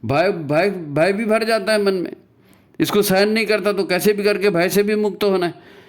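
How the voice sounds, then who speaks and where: Talking about meditation, this spiritual speaker leans on repetition and rhetorical questions ending in "है ना?", and recites mantras and scripture. He has a high voice and keeps a moderate pace.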